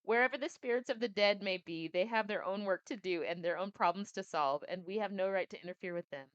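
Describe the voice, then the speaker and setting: A young adult woman hosting a podcast, reading a book aloud and breaking off into chatty, animated commentary. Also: medium pitch, fast talker, dry recording, highs cut off.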